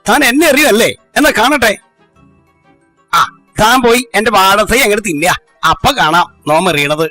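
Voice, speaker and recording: A man's voice: high voice, moderate pace, pauses often, pushed and bright, soft background music. A man voicing a pompous, grumpy middle-aged lord in a kids' cartoon, who scolds his servant haughtily and speaks of himself as "we". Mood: scolding. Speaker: title character of a cartoon.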